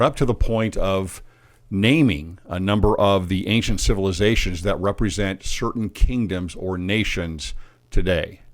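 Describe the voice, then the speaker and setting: Male interview host, low voice, enthusiastic, upbeat intros and questions. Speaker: podcast host. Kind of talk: interview hosting.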